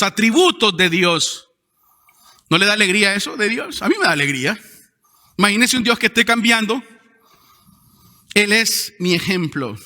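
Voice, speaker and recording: High-pitched, bright-voiced preaching man. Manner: emphatic preaching with sharp rises in pitch and volume. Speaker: pastor. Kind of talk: sermon. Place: church hall. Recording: long hall reverb.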